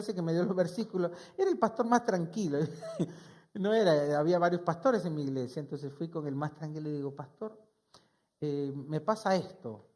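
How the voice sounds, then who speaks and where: Rioplatense pastor telling a testimony. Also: male voice, high-pitched. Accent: Rioplatense Spanish. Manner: storytelling, acts out dialogue with voseo. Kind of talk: sermon with personal testimony.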